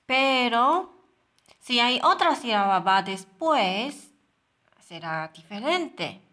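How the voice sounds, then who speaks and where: A Taiwanese woman whose native language is Mandarin Chinese teaches a patient beginner lesson, drawing out her demonstrations and checking in often with "¿sí?". Her voice sits a little high, with big pitch swings, and sounds pushed and bright in a reverberant space.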